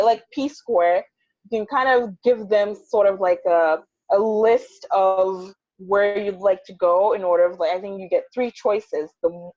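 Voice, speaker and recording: A woman's voice: mid-range voice, darkish tone, no echo. A young woman from the United States answering interview questions over a choppy, bad video-call connection, telling her story in a chatty way. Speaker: interview guest, English teacher. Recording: dull lo-fi call audio, dry.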